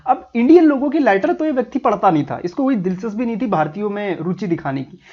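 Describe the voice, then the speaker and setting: A man's voice: high voice, a little mellow, highs cut off. A man teaching a history lesson over a map, in a casual, chatty way, talking straight to the viewer.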